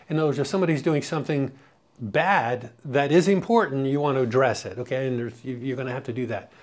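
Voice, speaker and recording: Here the man's voice sits on the high side with a slightly mellow quality. He's middle-aged or older, coaching radio programming through a casual, meandering talk packed with anecdotes and plenty of "you know".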